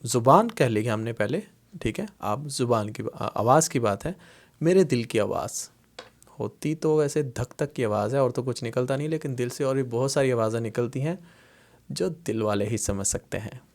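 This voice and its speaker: A man teaching Arabic words, explaining patiently in a slow lesson style and repeating each word. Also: medium pitch, animated. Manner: repeats words slowly, many fillers and "theek hai".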